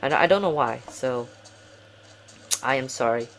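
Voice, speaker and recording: A young man with a medium-pitched, slightly bright voice gives casual game commentary from home, unhurried, with a little hiss or hum in the recording. He rambles, apologizes often, and pokes fun at himself.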